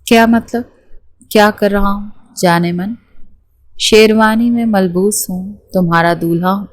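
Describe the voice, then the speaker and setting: A woman's voice: medium pitch, fairly even intonation, no room sound, lightly acted. A woman voicing a bossy, hot-tempered young groom in an audiobook, taunting and scolding. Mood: teasing.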